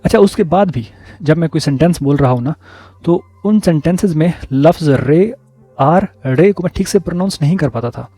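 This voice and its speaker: A man telling personal stories in a casual vlog, relaxed and repeating words for emphasis. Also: fairly high pitch, dry recording, soft background music. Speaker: vlogger.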